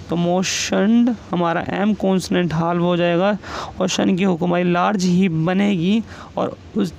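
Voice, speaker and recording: A man with a high, gravelly voice teaches shorthand, saying each example word slowly and repeating it. There is a faint hiss of noise behind him. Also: darkish tone, low-quality recording. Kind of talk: classroom explanation.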